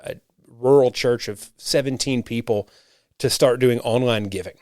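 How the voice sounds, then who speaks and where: A man's voice: mid-range voice, normal speed, darkish tone, dry recording, clean studio sound. A man hosting a podcast and serving as a rural pastor, talking in a reflective, rambling way with frequent restarts. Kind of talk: casual conversation.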